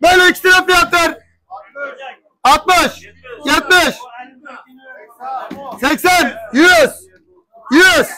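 High-pitched, shouting auctioneer man. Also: extremely slow, long pauses. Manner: loud, repetitive price calling, pleading for quiet. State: strained throat from shouting. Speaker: pigeon auctioneer. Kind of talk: calling bids at a live auction.

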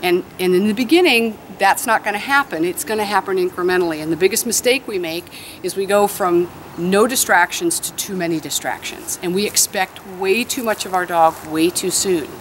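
A dog trainer with a lowish voice talks a little fast as she explains her methods step by step, standing outside on grass. Outdoor background noise can be heard in this instructional piece.

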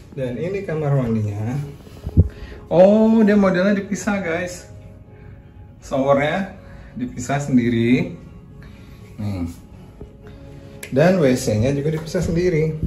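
A man giving a casual walkthrough of a hotel, chatty and quick to exclaim at what he finds. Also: mid-range voice. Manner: chatty, exclaims at discoveries, addresses viewers as guys. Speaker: hotel reviewer.

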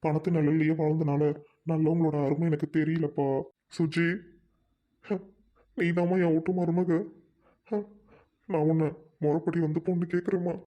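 A man's voice: on the high side, level tone, normal speed, long pauses, lo-fi sound, lightly acted. A man playing a regretful aging father. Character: remorseful older father, softened widower. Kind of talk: amateur drama acting.

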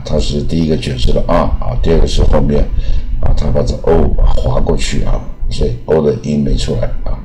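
A man teaching English pronunciation, saying each word slowly several times and often ending his phrases with a drawn-out "ah". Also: a bass voice, mellow, low-quality recording. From Taiwan.

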